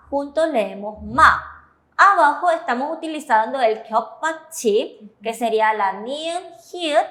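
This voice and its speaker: Slow, careful woman teacher. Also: fairly high pitch, sharp tone. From Paraguay. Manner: slow, careful, checks understanding with "¿verdad?". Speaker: Korean language teacher. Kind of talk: classroom explanation.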